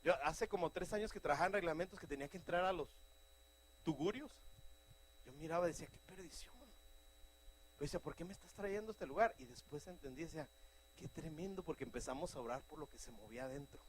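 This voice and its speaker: Fervent high-voiced preacher. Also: male voice, fast, slight background noise, poor audio. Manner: fervent, shouting bursts, anecdotal. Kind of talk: sermon.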